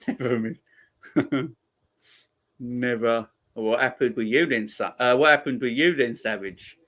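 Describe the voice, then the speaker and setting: A man's voice: mid-range voice, sharp tone. A man, hosting a casual football livestream and chatting with viewers, laid-back and slangy, laughing often. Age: 40s. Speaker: livestream host. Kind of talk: casual chat reading viewer comments.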